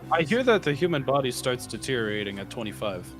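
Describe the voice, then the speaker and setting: A man of twenty-three making quick deadpan quips in casual chat on a gaming stream. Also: medium pitch, over music. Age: 20s.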